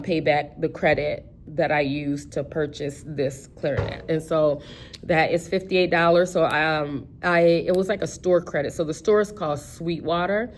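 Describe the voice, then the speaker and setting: Woman, 50s, low voice, casual rambling vlogger, faint background noise. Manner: rambling, self-correcting, many fillers. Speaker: personal finance vlogger. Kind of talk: casual budgeting chat.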